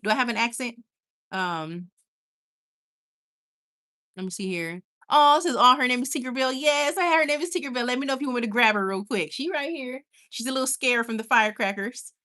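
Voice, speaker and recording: A young livestream host with a Caribbean Spanish accent reads viewer comments in a casual live chat, talking straight to them and squealing with bubbly excitement. Her voice is bright, forward and a little high, and she sounds at home and at ease.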